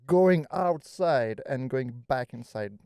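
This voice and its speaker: A man's voice: mid-range voice, lively intonation, takes it slowly, a little mellow, clear, resonant tone, dry recording, studio quality. A man hosting a podcast in casual chat, playful and teasing. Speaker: podcast host.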